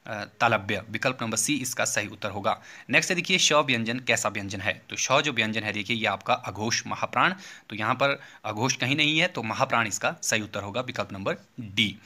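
Male tutor, middle pitch, very bright tone, methodical exam-answer walkthrough. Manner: repetitive teacherly phrasing, steady explaining. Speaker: teacher hosting an exam-prep channel. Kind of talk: exam paper walkthrough lesson.

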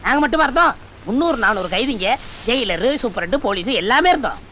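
A boastful ex-convict plots in hushed, threatening asides to take over as guru. His voice is very high and bright, with a faint hiss behind it. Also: animated, quick pace, full character voice, low-quality recording. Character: scheming male ex-convict who wants to be a guru. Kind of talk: film comedy dialogue.

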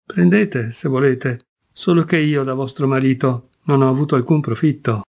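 A man's voice: medium pitch, moderate pace, creaky, darkish tone. A flustered, indignant young chorus girl, read by a man in a storybook reading. She defends herself in a rush and turns sharply accusing.

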